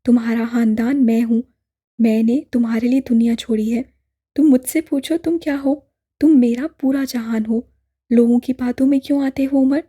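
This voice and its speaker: A woman's voice: fairly high pitch, fairly even intonation, normal speed, dark tone, breathy edge. A woman voicing an adoptive mother who insists tearfully on her love, in an audiobook drama. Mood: pleading. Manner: insistent, emotional.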